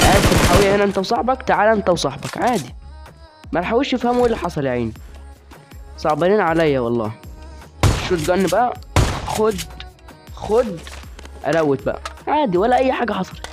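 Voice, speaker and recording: Fast, high-voiced Egyptian gamer. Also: male voice. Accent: Egyptian Arabic. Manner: chatty, teasing, trash-talking opponents. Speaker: gamer commentating his own play. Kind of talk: live gameplay commentary.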